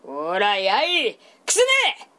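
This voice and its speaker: A gruff old Buddhist monk, as a woman puts him on, grumbling in old-fashioned country speech. The pitch swings widely between growls and outbursts, in storybook style. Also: big pitch swings, unhurried, heavily acted. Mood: shouting.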